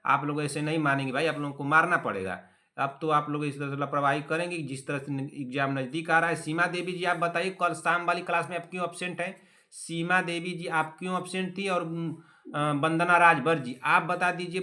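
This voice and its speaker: A man's voice: a little high, bright, forceful tone. A young man from teaching an online exam-prep class, scolding and teasing students and repeating key words over and over.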